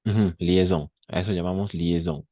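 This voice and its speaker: A man with a very low, warm voice teaches a French grammar lesson. He is patient, spells examples out slowly and keeps checking that the class follows. The sound is dry and close to the mic. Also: fairly even intonation, no echo, highs cut off. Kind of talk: online class explaining French grammar in Spanish.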